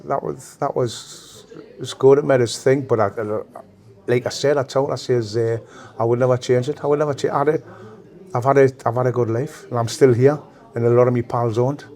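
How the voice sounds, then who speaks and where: Halting Geordie man reminiscing. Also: mid-range voice, steady tone, a little mellow. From Newcastle, England. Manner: halting, repeats phrases. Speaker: former gang member being interviewed. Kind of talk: reminiscing interview talk.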